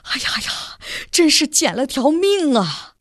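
A woman's voice: high voice, very animated, measured pace, dry recording, voice pushed up. A woman voicing an elderly grandfather, frightened and agitated, telling of a close call. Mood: shaken. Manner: agitated, exclamatory. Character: shaken old grandfather, frightened.

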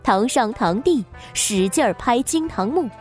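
A woman narrating a story in an expressive, dramatic way. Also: on the high side, measured pace. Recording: faint background music.

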